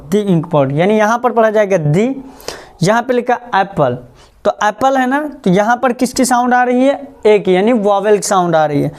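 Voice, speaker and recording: High-voiced male teacher drilling basics. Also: clean tone. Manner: drills with quick questions and repeated answers; stretches out words slowly to model pronunciation. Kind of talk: classroom grammar lesson.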